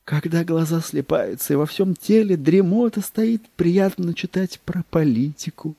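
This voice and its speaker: A man's voice: on the high side, unhurried, vocal fry, warm tone, husky, no echo, voice pushed up, exaggerated voice. A man voicing a fawning court secretary who gushes about food, with a wheedling, savoring manner and dropping into whispers. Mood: dreamy. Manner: wheedling, savoring every dish, slips into whispers.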